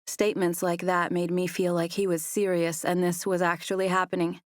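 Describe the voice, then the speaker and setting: A woman narrating a first-person romance audiobook in a soft, even storytelling voice on a close mic. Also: lowish voice, moderate pace, dry recording.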